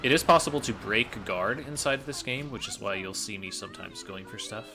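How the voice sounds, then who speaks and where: A man gives casual, explanatory commentary over his own video game run, speaking fairly quickly in a lowish voice. Fighting game music plays faintly behind him.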